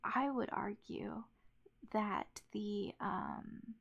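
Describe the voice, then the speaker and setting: Casting: woman reviewer, slow and hesitant, gravelly fry, casual off-the-cuff commentary full of fillers. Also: medium pitch, highs cut off. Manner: halting, filler-heavy rambling with self-corrections. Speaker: anime reviewer.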